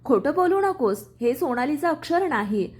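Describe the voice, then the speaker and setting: A woman's voice: high voice, very animated, a little slow. A woman voicing a firm protective young husband. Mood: stern. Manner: firm, earnest.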